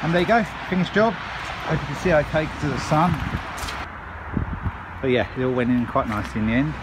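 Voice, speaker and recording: A middle-aged handyman with a fairly high-pitched, expressive voice talks briskly while showing completed work outdoors at a driveway gate. He's chatty, with lots of ums and restarts, and his body-worn action camera records background noise.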